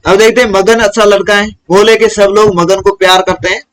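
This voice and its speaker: Male teacher with a high voice who walks young pupils through a lesson and answers his own questions. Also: fairly even intonation, a little fast, a bit bright, low-quality recording. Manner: repeats questions and answers them himself. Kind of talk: explaining a school lesson to children.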